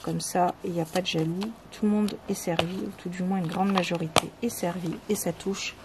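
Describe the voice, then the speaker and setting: A woman hosting a casual video about her oracle cards, talking with many pauses, fillers and restarts. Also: on the low side. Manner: reads card texts in a soft, calm tone. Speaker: channel host presenting oracle cards. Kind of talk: casual chat. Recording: home video with clear background noise.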